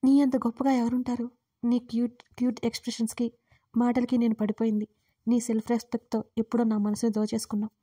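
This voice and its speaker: A woman's voice: fairly high pitch, little pitch movement, fast, warm tone, breathy edge, dry recording. Woman reading a teasing young husband. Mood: affectionate. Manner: teasing, scolding banter. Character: young husband, teasing, gruff yet loving.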